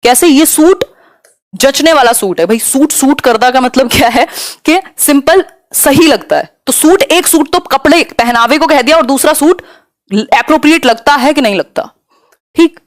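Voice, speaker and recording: A young woman with a fairly high voice runs a live online exam-prep lesson. She explains each term step by step, mixing in English words, and slows right down when she reads a question out. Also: no echo, studio quality. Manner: explains in Hindi mixed with English terms, slows to read questions aloud. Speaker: teacher.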